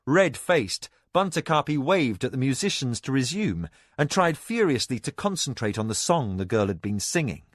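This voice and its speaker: A man narrating a fantasy novel as an audiobook, in a measured, expressive way. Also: medium pitch, no room sound, studio quality.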